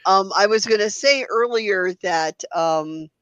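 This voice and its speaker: A woman's voice: mid-range voice, slow, a bit bright, no room sound. A woman presenting clips on a casual talk show, mixing loose chat with prepared notes. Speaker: guest presenter of horror-host clips.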